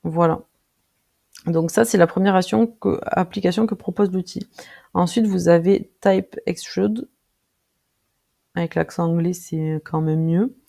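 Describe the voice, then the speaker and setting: A presenter walking viewers through a design tool in a casual screen-recorded tutorial, speaking directly to them and pausing often with filler sounds while clicking. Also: medium pitch, fairly even intonation, gravelly, mellow. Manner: friendly, addresses viewers directly.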